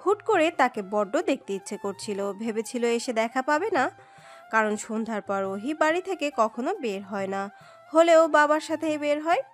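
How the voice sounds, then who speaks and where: A woman narrates a romantic story with an expressive, dramatic reading. Her voice sits high, and soft music plays underneath. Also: normal speed. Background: soft background music.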